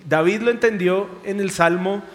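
Animated preaching man in a reverberant hall. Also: high voice, normal speed. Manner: animated, conversational preaching with rhetorical questions. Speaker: pastor. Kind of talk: sermon.

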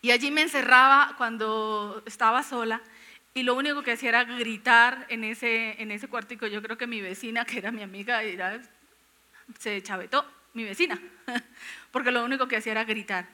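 Woman preacher, high bright voice, emotional, repeats for emphasis. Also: steady tone, moderate pace. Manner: earnest, emotional, laughs often, repeats phrases. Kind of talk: personal testimony in a sermon.

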